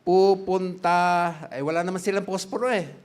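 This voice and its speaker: A middle-aged pastor from the Philippines preaching a sermon in a chatty way, laughing often, quizzing the congregation and slipping into English. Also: male voice, sits high, steady tone, moderate pace, clean tone.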